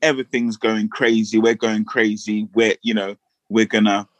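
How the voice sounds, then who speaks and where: A man's voice: fairly low pitch, little pitch movement, moderate pace, no room sound, rough recording. A male panel guest speaking earnestly, with hesitant phrasing and frequent fillers. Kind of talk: casual panel chat.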